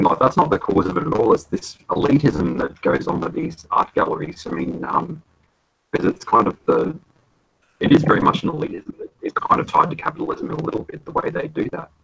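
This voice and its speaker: A man's voice: on the high side, gravelly, fairly bright tone, husky, rough recording. A man in a casual online hangout, ranting hesitantly with lots of fillers. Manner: hesitant, filler-heavy, loose rant. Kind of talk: casual political discussion. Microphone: home computer mic on a video call.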